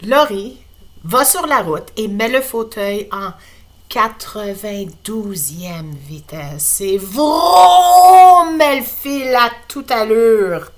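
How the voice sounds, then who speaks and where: A woman teacher with a Quebec accent reading a picture book aloud to her class, lively and expressive with playful asides. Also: mid-range voice, slow. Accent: Quebec French.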